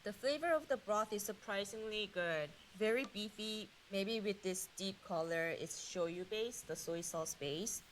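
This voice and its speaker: A woman chef on a tasting panel, explaining and judging food in a medium-pitched voice. A faint hiss sits behind her. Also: unhurried, hardly any pauses, rough recording. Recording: clear background hiss.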